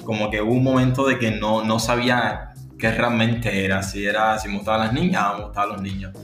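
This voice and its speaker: A man in his twenties from Cuba with a Cuban Spanish accent, a guest in a podcast interview, lively and quick to laugh, often restarting his phrases. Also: on the low side, reverberant, faint music behind. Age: 20s.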